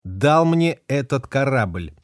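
A man's voice: medium pitch, big pitch swings, slow, dry recording, studio quality, voice pushed up. A man voicing a fierce, defiant young woman ship captain who talks sharply and curses. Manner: sharp, cursing, hissing. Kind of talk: audiobook character voice.

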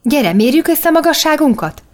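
A woman's voice: high voice, sing-song, pitched above the performer's own voice. A woman doing an eager, wide-eyed young boy. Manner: eager, pressing questions. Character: curious, excitable young boy from long ago.

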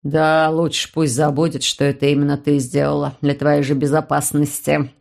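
A woman reading the lines of a calm, grumbling male warlock uncle, lowering her voice and reasoning dryly. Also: normal speed, creaky.

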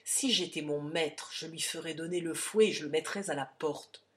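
A woman voicing a gruff, surly young man who grumbles his complaints. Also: sits low, normal speed, fairly bright tone.

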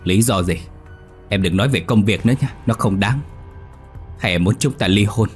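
A man's voice: fairly low pitch, moderate pace, faint music behind, close to an everyday voice. A man playing a furious, betrayed husband. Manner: accusing, shouting in anger.

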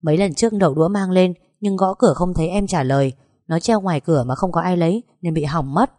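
A woman's voice: on the low side, fast talker, mellow, no echo, studio quality, natural voice. A woman voicing a friendly, chatty neighbor woman in a storybook reading.

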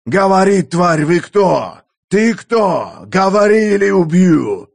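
A man growling as a gravelly old mercenary. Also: a little high, expressive, unhurried. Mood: menacing, furious. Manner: snarling, threatening, barking. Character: brutal grizzled German mercenary, old man. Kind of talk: audiobook character voice.

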